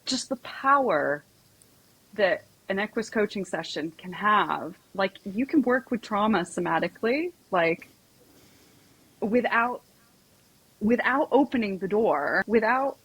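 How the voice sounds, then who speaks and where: A woman with a husky, slightly breathy voice, speaking as a guest on a podcast. She tells stories casually, leaning on "like" and "you know" as she goes. Her pitch sits in the middle range. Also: dry recording, low-quality recording. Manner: chatty storytelling full of "like" and "you know". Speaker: psychotherapist and equine coach guest.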